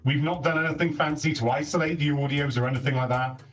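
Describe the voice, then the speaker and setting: A man speaks quickly in a fairly high, steady voice during a casual home voice call, captured from across the room by a console's built-in microphone. He's a co-host trying out that console feature, wandering between rooms, his voice carrying as he chats, corrects himself mid-sentence, and often says "don't get me wrong." It comes through distantly over game chat with music playing.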